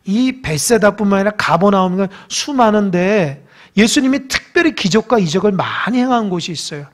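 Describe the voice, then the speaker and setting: A man preaching a Sunday sermon as pastor, peppering it with rhetorical questions and swinging between loud and soft. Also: high voice, expressive, brisk. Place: church.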